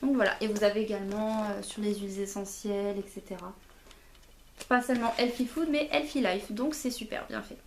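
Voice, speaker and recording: A woman's voice: medium pitch, steady tone, brisk, few pauses. A young woman from France casually presenting her book and magazine haul, with many hesitations and restarts. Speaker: book vlogger. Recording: faint background noise.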